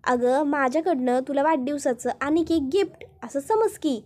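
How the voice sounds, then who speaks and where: A woman's voice: sits high, moderate pace, darkish tone, natural voice. Woman reading as scolding village auntie. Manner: scolding, blunt.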